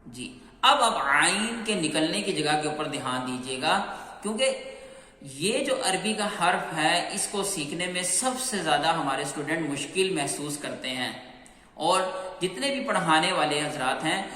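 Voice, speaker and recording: A man teaching Qur'anic letter pronunciation in a patient, step-by-step way, repeating sounds and slowly drawing out each letter. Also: a little high, lively intonation, sharp tone. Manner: slow, clear, repeats sounds and drawn-out chanted letters. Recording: echoey room with long reverb.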